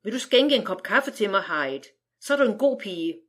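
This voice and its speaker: A woman doing a calm, stern father. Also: medium pitch. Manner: calm, measured, curt.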